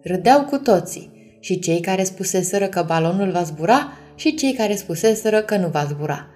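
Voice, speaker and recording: A woman reading a bedtime story aloud, gently addressing the children listening. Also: mid-range voice, animated, soft background music.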